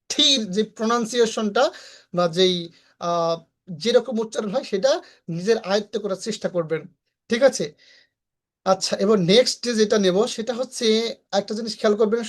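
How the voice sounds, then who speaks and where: A woman's voice: mid-range voice, a little mellow. A woman teaching an online English pronunciation class in Bengali, patiently repeating letters and words for her students.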